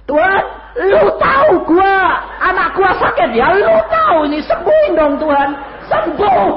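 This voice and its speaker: Preacher acting a brash new convert praying. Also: male voice, extremely high pitch, sing-song, a little slow, roomy sound, dull audio, very noisy, pitched above the performer's own voice, heavily acted. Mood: pleading loudly. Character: brash newly converted man praying bluntly.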